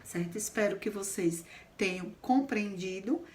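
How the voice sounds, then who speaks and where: A woman's voice: medium pitch, unhurried, darkish tone, slight background noise. A woman teaching a grammar lesson, explaining step by step and often checking in with the class. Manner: explains patiently, checks in with frequent "certo?".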